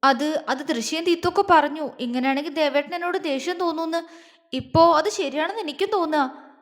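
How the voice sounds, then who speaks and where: A woman's voice: sits high, close to an everyday voice. A woman voicing a tearful, insecure young wife who stammers through her words, with a long hall reverb. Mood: hurt pleading. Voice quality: halting, stammering speech. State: crying.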